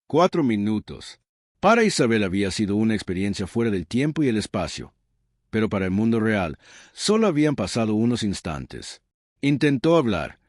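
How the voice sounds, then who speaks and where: A man's voice: lowish voice, a little mellow, no room sound, studio quality. A man narrating a dramatic story in a suspenseful, scripted storytelling way.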